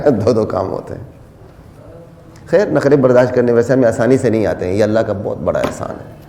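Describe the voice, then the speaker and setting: A man preaching a sermon, moving between quiet asides and loud, rising exhortation, and slowing down to recite Arabic verses. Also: mid-range voice, big-room sound. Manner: quotes Quranic Arabic slowly. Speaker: religious teacher.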